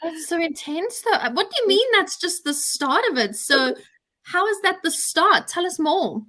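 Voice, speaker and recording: Woman from South Africa, high-pitched host on a video call, affirming tone. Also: lively intonation, moderate pace, pushed and bright, poor audio. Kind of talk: live interview over video call.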